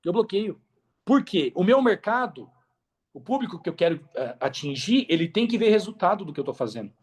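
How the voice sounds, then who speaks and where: In sing-song, brisk fashion, a Brazilian affiliate marketer spins his story as a podcast guest, loose and slangy, repeating himself for emphasis during the casual interview. His voice is high-pitched with a breathy edge.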